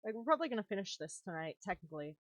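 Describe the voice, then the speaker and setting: A woman's voice: medium pitch, big pitch swings, very fast, dry recording. A woman chatting casually on a live stream while crafting, swearing freely and laughing often. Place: home craft room.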